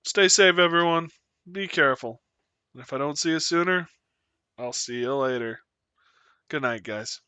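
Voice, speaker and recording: A man's voice: a little high, moderate pace, long pauses, pushed and bright, clean tone, no room sound. A young man chatting casually with his viewers at the end of a live stream, sleepy and rambling in a self-deprecating way. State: sleepy, yawning. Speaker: Twitch streamer.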